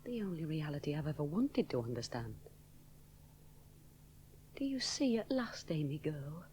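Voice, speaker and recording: In a 1970s radio drama inner monologue, an actress plays a young woman aviator alone over the sea, brooding as she muses inwardly and often drops to a whisper. Her voice is low, sing-song and darkish, at a moderate pace, with a little hiss or hum present.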